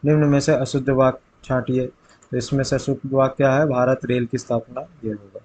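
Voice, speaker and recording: A man's voice: medium pitch, level tone, a little fast, a little mellow, a little hiss or hum, poor audio. Man reading out Hindi grammar quiz questions. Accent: Hindi, north India. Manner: reads options, then states the answer. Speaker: exam tutor.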